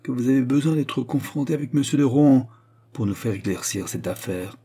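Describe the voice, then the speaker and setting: Storybook queen, stern and scornful, voiced by a man with a husky tone. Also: medium pitch, expressive, fairly quick, mellow, voice pushed up. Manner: cold, cutting interrogation. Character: stern haughty queen, contemptuous and commanding. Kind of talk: audiobook reading.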